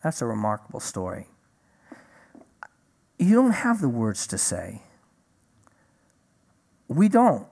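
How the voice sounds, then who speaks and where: Animated male preacher telling a story. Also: medium pitch, takes it slowly, vocal fry, pauses often. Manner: animated storyteller, acts out dialogue. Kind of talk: sermon with personal testimony.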